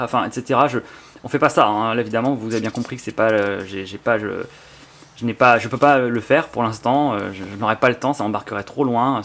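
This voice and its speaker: Gravelly-voiced Frenchman chatting over an unboxing. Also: mid-range voice. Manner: rambling, enthusiastic, many fillers and restarts. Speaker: YouTuber presenting his book collection. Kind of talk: casual spontaneous unboxing chat.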